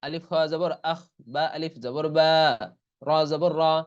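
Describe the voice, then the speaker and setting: A fairly high-pitched man with little pitch movement and a clear, resonant tone gives an online Quran reading lesson; the audio is lo-fi. Slowly, he sounds out each letter and vowel, afterward drawing out the entire word.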